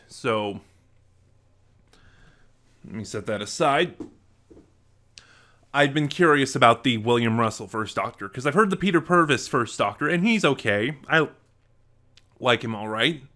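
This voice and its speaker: Chatting conversationally, a young adult vlog host does casual unboxing and review talk into a nearby desk microphone. His mid-range voice is bright with a forceful edge, and he's recording indoors in a small room at home.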